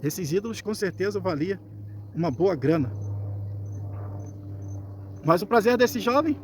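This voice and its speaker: A man's voice: high voice, expressive, measured pace, a little mellow, a little hiss or hum. A man with a Brazilian Portuguese accent, preaching a Bible lesson and explaining scripture in a conversational way. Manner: reads scripture then explains it conversationally, acting out voices. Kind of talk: Bible teaching sermon.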